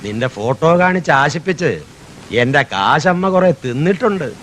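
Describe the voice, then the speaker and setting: An actor playing a mocking, leering older police constable who taunts with questions. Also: male voice, on the high side, expressive, moderate pace, a bit bright, a little hiss or hum, rough recording. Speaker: police officer.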